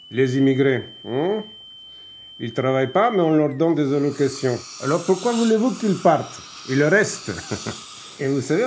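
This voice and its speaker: A man's voice: medium pitch, a little mellow, slight background noise, lightly acted. An actor playing a boastful, opinionated dentist with a Bulgarian accent who chatters and needles his patient. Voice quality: chatty, needling, chuckling asides. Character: boastful opinionated middle-aged male dentist. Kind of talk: film acting.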